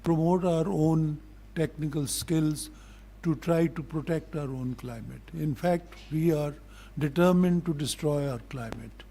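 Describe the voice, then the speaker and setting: Speaking as a diplomat in a formal public address, an older Pakistani-accented man delivers deliberate, blunt admonishments. His voice is rather high, gravelly, and warm in tone.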